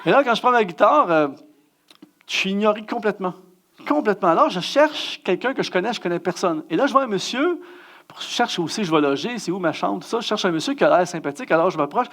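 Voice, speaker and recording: Animated Quebec French male preacher. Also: fast talker. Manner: animated, self-mocking, acts out scenes with big pitch jumps. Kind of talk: storytelling sermon.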